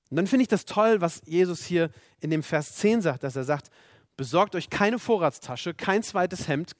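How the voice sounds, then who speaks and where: A man's voice: fairly high pitch, no room sound. Earnest preacher man, dry close sound. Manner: earnest, emphatic, repeats rhetorical questions. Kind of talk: sermon.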